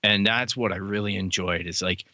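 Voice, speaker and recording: A man's voice: low-pitched, steady tone, normal speed, bright, forceful tone, no echo. A man co-hosting a podcast, chatting casually and enthusiastically as a fan, swearing now and then. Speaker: podcast co-host. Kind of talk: casual chat.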